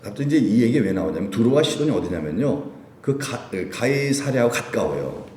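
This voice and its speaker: A man's voice: medium pitch, sing-song, fairly quick, darkish tone, roomy sound, recorded from a distance, slight background noise. A male pastor giving a chatty sermon at a midweek prayer meeting, putting many questions to his listeners. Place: church sanctuary.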